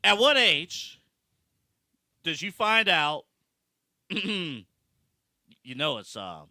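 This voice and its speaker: This man in his thirties has a very bright, somewhat high voice that swoops widely as he chimes in and asks questions. He is recorded dry and close. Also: very animated, very slow, no echo. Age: 30s. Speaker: podcast panelist. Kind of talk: casual podcast chat.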